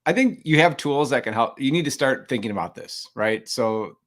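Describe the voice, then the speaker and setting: A man's voice: medium pitch, animated, moderate pace, fairly bright tone. A man on a casual panel, explaining things in a practical way. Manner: practical, explanatory, says "right?" often.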